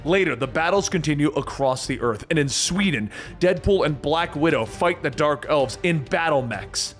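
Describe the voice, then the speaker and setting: A man's voice: fairly high pitch, lively intonation, moderate pace, a bit bright. A man narrating a comic-book story in a dramatic, scripted style. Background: music bed.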